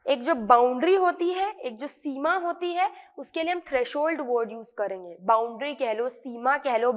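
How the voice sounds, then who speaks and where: A woman's voice: sits high, fairly bright tone, long reverb tail. A woman with an Indian accent teaching English vocabulary in an online lesson, repeating words and checking in with her students often.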